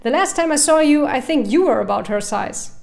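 A woman's voice: high voice, animated, normal speed, vocal fry, darkish tone, voice pushed up. A woman voicing a cheerful, hearty bro dad who is a young adult man. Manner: hearty, dude-speak.

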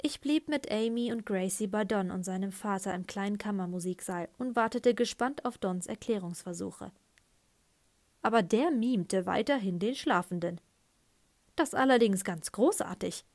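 A woman narrating an audiobook in the first person with a lively, expressive reading. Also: medium pitch, normal speed, no echo. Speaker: audiobook reader.

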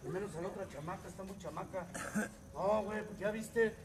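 A man with a Mexican accent giving a profane, comedic testimony at a recovery group meeting, moving between low muttering and loud shouted rants. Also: fairly quick, over a noisy crowd.

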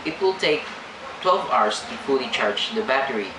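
A young man playing a polite call center agent, with a stilted, halting scripted delivery. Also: mid-range voice, expressive, lightly acted. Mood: polite, instructing. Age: young adult. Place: small indoor room. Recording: echoey room, loud background hum.

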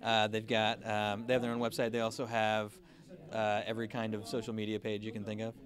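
Low-voiced easygoing man, press wall interview. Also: monotone, crowd noise. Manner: easygoing, halting with fillers. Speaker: music video co-director. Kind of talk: red carpet interview. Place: festival press wall, indoors. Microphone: handheld interviewer mic.

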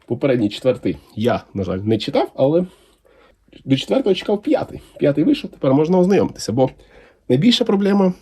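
A man's voice: fairly high pitch, breathy edge. A man talking casually and enthusiastically as he unboxes comics for his channel. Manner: enthusiastic, unhurried, lively intonation.

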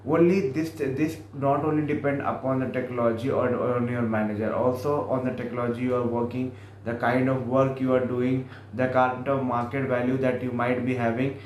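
A man's voice: medium pitch, darkish tone, reverberant, a little hiss or hum, low-quality recording. A young man with an Indian English accent giving rambling, repetitive career advice to the camera in a small office room, slipping in Hindi phrases. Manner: rambling, repeats himself, mixes in Hindi phrases. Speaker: career vlogger. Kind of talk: casual career advice monologue.

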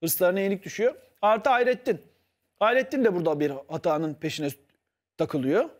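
A man with a high voice that jumps all over the place, arguing hard on a studio panel show. He keeps pressing his point and turns to the viewers to back him up. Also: lively intonation, moderate pace. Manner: insistent, argumentative, appeals to the viewers. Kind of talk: heated TV panel debate.

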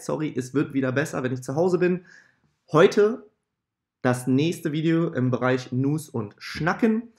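A man hosting a casual gaming news video, with poor-quality audio from a makeshift microphone at his parents' home. He talks in a chatty way, with many filler sounds and apologetic asides. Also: medium pitch. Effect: poor-quality audio from a makeshift mic. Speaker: gaming channel host. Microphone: not his usual microphone.

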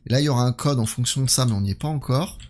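A man with a mid-range voice talks very fast over a slight hiss or hum. He's a gaming streamer doing live let's-play commentary on a horror game, thinking out loud and chatting with his viewers.

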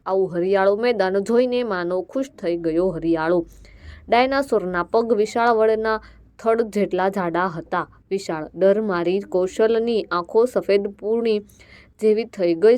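Smooth-voiced woman teacher. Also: mid-range voice, darkish tone. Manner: reads each sentence, then states the answer word. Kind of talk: exam answer walkthrough.

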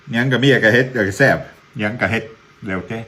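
A man's voice: medium pitch, fairly even intonation, normal speed, sharp tone. A man from abroad chats casually over a meal in simple, foreign-accented Isan Thai, using short, repeated phrases. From foreign country, outside Thailand. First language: not Thai. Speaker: vlog participant, husband eating a home meal. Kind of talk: casual chat while eating.

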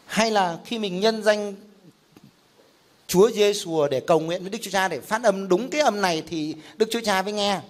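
A man's voice: high voice, normal speed. A middle-aged man, a pastor teaching a Bible class in a conversational style, explaining with examples and rhetorical questions.

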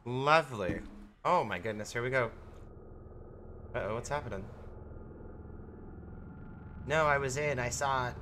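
A man commentating his own live game stream, chatty and excitable and quick to laugh. He talks into a desk mic at his gaming setup at home, with a faint hum behind. His voice sits at an ordinary male pitch.

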